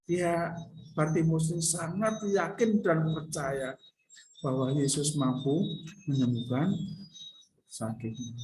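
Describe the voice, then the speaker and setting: A woman's voice: sits low, fairly even intonation, takes it slowly, pauses often, a little mellow, echoey room, slight background noise, low-quality recording. A woman teacher telling a Bible story to a class of children, stopping often to check that they follow. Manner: retells the story and acts out the crowd's voices. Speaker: religion teacher.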